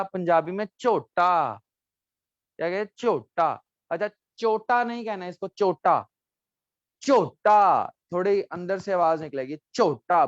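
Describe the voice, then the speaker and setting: A man teaches his students over a video call. He says each word again and again and keeps asking them to answer. His voice sits a little high, and the sound is dry and muffled. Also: no echo. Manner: repeats words slowly, quizzes students. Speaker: language teacher. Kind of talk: online class teaching. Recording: dull lo-fi sound.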